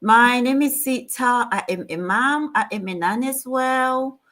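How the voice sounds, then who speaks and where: A woman from Zimbabwe, a guest on a live online panel, introducing herself in a calm, measured way. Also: on the high side.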